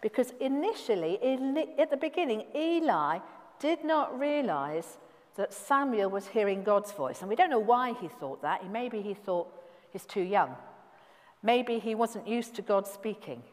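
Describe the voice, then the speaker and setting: A woman's voice: a little high, moderate pace. English lady telling a kids' bible story in church, lots of lilt, echoey hall. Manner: animated storyteller, directing volunteer actors. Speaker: children's talk leader at church. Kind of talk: children's talk in a church service.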